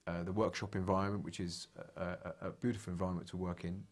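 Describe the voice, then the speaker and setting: A man's voice: low voice, flat delivery, fast talker. A man who builds guitars, speaking thoughtfully in an interview and often stopping to restart and repeat words. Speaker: guitar maker. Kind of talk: reflective interview talk.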